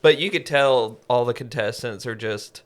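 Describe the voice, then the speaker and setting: A man's voice: medium pitch, moderate pace, clear, resonant tone. Give me a man on a podcast telling a story with a wry, joking tone. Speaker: podcast co-host. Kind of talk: casual chat.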